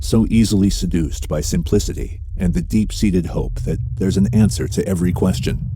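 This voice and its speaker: A man narrating a scripted spoken-word piece in a solemn, deliberate manner. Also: sits low, dark tone, husky. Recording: noisy background ambience.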